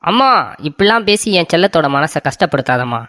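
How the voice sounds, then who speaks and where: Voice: mid-range voice, big pitch swings, fairly quick, a bit bright, no room sound, clean studio sound. A voice actor playing a doting young husband in a cartoon comedy, coaxing and sweet-talking his wife.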